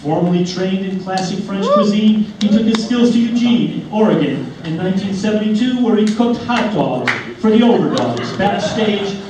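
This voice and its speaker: A man's voice: sits high, animated, normal speed, hardly any pauses. A man delivers a tongue-in-cheek eulogy as a speech, telling tall stories with mock solemnity. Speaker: speaker giving a comic eulogy. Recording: echoey, noisy room, distant mic.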